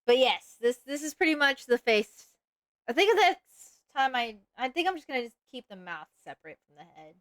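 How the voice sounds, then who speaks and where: Casting: high-voiced woman streamer, chatty and playful, dry close mic. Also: big pitch swings, normal speed, dry recording. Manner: chatty, playful, dramatic outbursts. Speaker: VTuber streamer. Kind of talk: casual live-stream chat.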